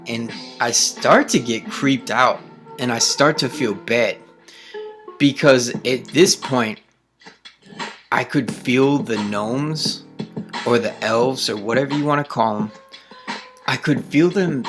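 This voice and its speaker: A young man talking casually to camera at home, rambling excitedly and swearing, his voice jumping up when he quotes himself. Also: medium pitch. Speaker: vlogger recounting a trip.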